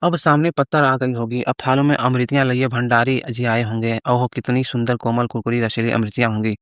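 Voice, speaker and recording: A gluttonous rival priest, as a man telling the story puts him on, sulky and boastful as he trades brags. The voice is clear and resonant, recorded close with no room sound. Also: mid-range voice, level tone, brisk, dry recording, lightly acted. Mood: longing.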